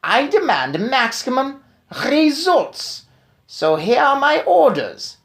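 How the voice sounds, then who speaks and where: A furious old witch queen screeches her orders, as a woman puts her on, her voice jumping far above a normal speaking pitch. She stretches out every word into slow, loud, hateful yells. The sound is now and then a touch distant, as if she has turned from the mic. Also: big pitch swings. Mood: shrieking rage. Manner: shrieking, drawn-out yelling.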